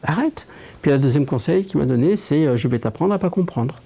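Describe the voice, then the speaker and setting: A man's voice: on the high side, expressive, fast talker, gravelly, mellow. Chatty French man speaking as a medium. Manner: chatty, joking, drops to a whisper. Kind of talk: public medium session.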